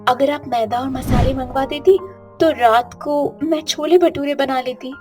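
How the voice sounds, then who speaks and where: Woman voicing a very high, meek young bride. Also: steady tone, measured pace, over music. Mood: pleading. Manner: pleading, polite. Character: meek young daughter-in-law who loves cooking.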